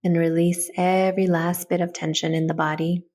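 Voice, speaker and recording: Hosting a guided meditation, a woman walks listeners through each step with gentle, soothing instructions. Her voice is slightly low with little pitch movement, and she speaks at a normal speed.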